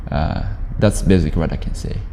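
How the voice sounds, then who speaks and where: A young man in his twenties from Rwanda, answering interview questions. He speaks haltingly, with many pauses and fillers. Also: extremely low pitch, dark tone. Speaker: university student interviewee. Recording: reverberant space with faint noise.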